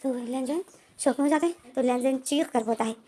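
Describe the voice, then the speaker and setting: A woman's voice: high-pitched, fairly quick, dark tone. A woman narrating a story recap in a run-on retelling style, repeating names often.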